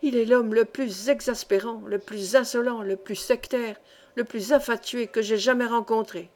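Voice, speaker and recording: A woman reading the part of a polite, measured male contractor who speaks with courteous skepticism. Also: a little high, steady tone, a little mellow, lightly acted. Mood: sceptical.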